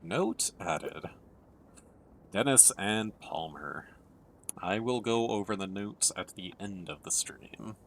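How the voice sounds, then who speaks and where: A man's voice: fairly low pitch, slow pace, slight background noise. A man streaming a game with casual, sweary playthrough commentary.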